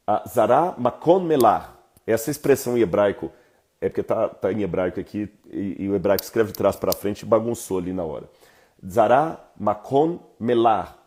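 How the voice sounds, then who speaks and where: A Brazilian man explains expressions to his viewers in a lively teaching talk. His voice is husky and mellow, and he keeps checking in with rhetorical questions. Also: on the low side. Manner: animated, asks listeners rhetorical questions. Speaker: Bible teacher.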